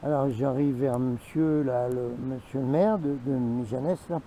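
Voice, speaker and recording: A man's voice: mid-range voice, moderate pace, dark tone, poor audio. A man telling a rambling, repetitive story to camera, breaking into asides with himself, with faint noise behind him. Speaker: vlogger. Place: outdoors in the mountains.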